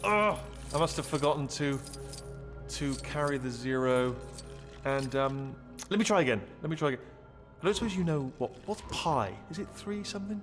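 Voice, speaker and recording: Man acting bumbling, high-pitched little robot helper Wheatley. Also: expressive, moderate pace, over music, lightly acted. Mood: eager, muddled. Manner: rambling, stammering, self-correcting, flustered. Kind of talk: video game character acting.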